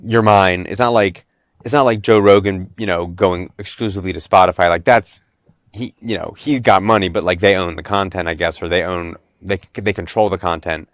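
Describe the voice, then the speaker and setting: A man's voice: sits low, fairly quick, no echo. A man co-hosting a podcast in casual chat, laid-back and joking with slangy asides. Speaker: podcast co-host.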